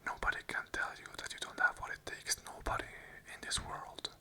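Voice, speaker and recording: This unscripted ASMR monologue is whispered from start to finish, a bright, sharp, completely unvoiced sound that stays soft. The host moves along fairly quickly, offering earnest affirmations over and over in brief phrases.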